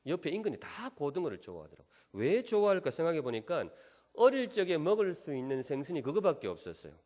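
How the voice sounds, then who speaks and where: A middle-aged pastor from Gyeongsan, in South Korea's Gyeongsang Province, preaches in a large church sanctuary with a Gyeongsang Korean accent. His fairly high voice talks fast, slightly mellow, with huge pitch swings, as he teases the congregation with questions and jokes. Long church hall reverb fills the recording.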